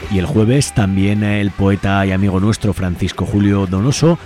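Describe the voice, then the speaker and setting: This radio host has a lowish voice and keeps a normal speed as he runs through community event announcements in a relaxed, chatty style over background music.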